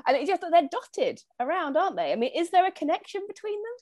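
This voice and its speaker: A woman's voice: very high-pitched, sing-song, fast, a little mellow, no echo. Chatty woman interviewer, dry sound. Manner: chatty, self-deprecating, rising questions. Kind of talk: video call interview.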